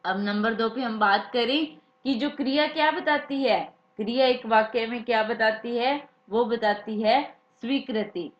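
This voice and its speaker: A woman teacher gives a slow Hindi grammar lesson in a slightly high voice, writing examples in a classroom or study room. She repeats key words back to her students as questions. The recording is echoey with a dull, lo-fi sound.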